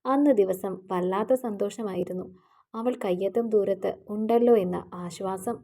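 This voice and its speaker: A woman reading a romantic audio story aloud in steady storytelling narration. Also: medium pitch, normal speed. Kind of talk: scripted narration.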